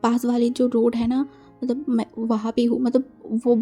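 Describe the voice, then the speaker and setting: A woman's voice: a little high, flat delivery, warm tone, husky, soft background music. Woman voicing a stammering frightened young woman. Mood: anxious. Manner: stammering, halting.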